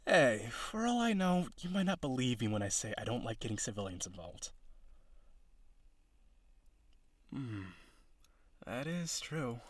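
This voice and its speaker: Speaking to the listener with dry, hesitant, earnest formality, a man with a mid-range voice portrays a stiff, businesslike villain out on a blind date in an audio roleplay. The audio is completely dry, with no room sound.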